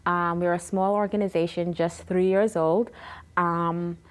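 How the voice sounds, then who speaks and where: Low-voiced woman sharing her story. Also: a little slow. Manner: earnest, animated when retelling conversations. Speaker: interview guest. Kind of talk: personal testimony in an interview.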